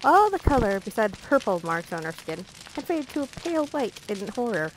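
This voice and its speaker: A woman's voice: a little high, sing-song, fairly quick, slight background noise, rough recording. Playful woman reading a visual novel aloud. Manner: playful, breaking off for jokey asides. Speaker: let's play narrator.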